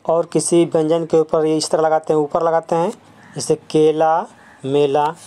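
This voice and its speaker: A school teacher giving a grammar lesson, explaining step by step, repeating each term, mixing in English words and asking the class quick questions before answering them. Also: mid-range voice, little pitch movement, warm tone. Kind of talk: classroom lesson on letters and sounds.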